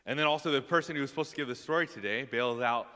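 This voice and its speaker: A man's voice: mid-range voice, rapid-fire, sharp tone. A man preaching a casual, self-deprecating sermon to his congregation, with plenty of fillers. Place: church hall. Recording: long hall reverb.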